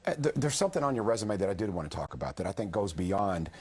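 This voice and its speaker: A man's voice: on the low side, sing-song, quick pace, a little mellow, slightly rough. A man with an American accent hosting a chatty interview, often repeating words and rephrasing his questions as he goes. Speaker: local TV interviewer. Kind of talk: conversational interview.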